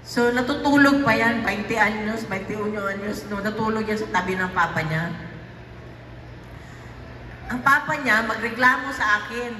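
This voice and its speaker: Speaking at medium pitch with a bright, forceful tone, a middle-aged woman tells an emotional personal story to a gathering. She halts, restarts and uses many fillers. She's picked up from afar in an echoey hall, with a little hiss or hum.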